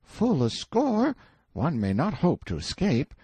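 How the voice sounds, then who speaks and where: Man voicing a high-pitched timid medieval page boy. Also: huge pitch swings, takes it slowly, warm tone, slightly rough, no room sound, exaggerated voice. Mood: anxious, hesitant. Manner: archaic courtly speech, pleading and exclaiming. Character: timid, light-hearted medieval page boy, superstitious and easily frightened.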